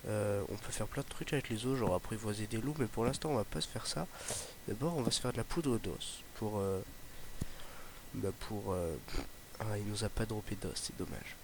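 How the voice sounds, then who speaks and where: This casual Let's Play clip features a young male gaming YouTuber whose slight Ardèche accent comes through as he chats over his game at a normal speed. His lowish voice wanders from thought to thought, full of fillers and restarts, and it's captured on a noisy home mic.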